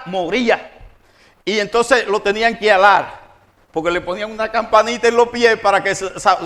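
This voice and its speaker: A man's voice: very high voice, a bit bright. A man, preaching an emphatic sermon to his congregation as pastor. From Dominican Republic. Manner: emphatic preaching, rising and falling in volume, addresses congregation directly. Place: church.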